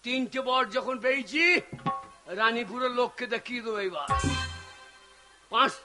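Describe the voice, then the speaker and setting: A man's voice: very high voice, moderate pace, over music. A man playing a boastful foolish village son. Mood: gloating. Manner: boastful, excitable and shouting. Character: foolish village son granted three wishes. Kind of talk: rural folk comedy acting.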